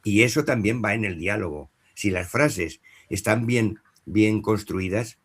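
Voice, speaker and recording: Man, husky voice, lowish pitch, hesitant, restarts often. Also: a little slow, a bit bright. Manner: hesitant, with many fillers and restarts. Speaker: dubbing director. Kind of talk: panel talk on dubbing.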